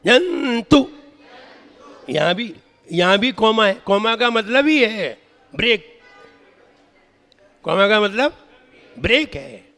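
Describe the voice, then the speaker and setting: A Jain monk teaching correct recitation, correcting syllables and chanting verses in a slow drawn-out way. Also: male voice, high voice, expressive, bright, forceful tone, soft background music. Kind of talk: pronunciation lesson with chanting. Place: temple hall. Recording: reverberant hall.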